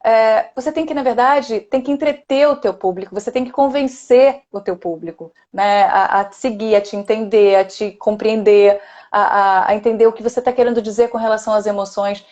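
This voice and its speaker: A woman's voice: fairly high pitch, fairly quick, dull audio. A middle-aged woman hosting a casual online live chat as a speech therapist, enthusiastic and chatty, often tagging sentences with a questioning "né". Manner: warm, enthusiastic, many "né?" tags.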